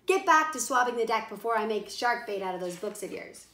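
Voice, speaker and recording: Woman acting out a blustering pirate bunny captain, loud and bright. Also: on the high side, animated, brisk, a little hiss or hum. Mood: angry, commanding. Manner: barking orders in pirate slang. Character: mean, blustering male pirate bunny captain, bossy father. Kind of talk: children's storybook read-aloud. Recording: roomy echo.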